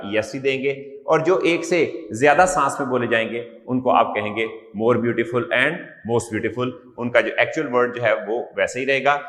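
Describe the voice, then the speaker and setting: A man's voice: mid-range voice, a bit bright. Man teaching grammar in an echoey room. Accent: Pakistani English. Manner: explains in Hindi-Urdu, drills English word forms slowly. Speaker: English teacher. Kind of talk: grammar lecture. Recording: echoey room with long reverb.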